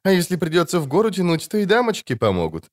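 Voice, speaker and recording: The sneer of a young bandit who mocks everyone he corners, pitched high and swinging wildly up and down, as a male narrator puts him on. His taunts slide up in a lively, jeering lilt. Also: quick pace.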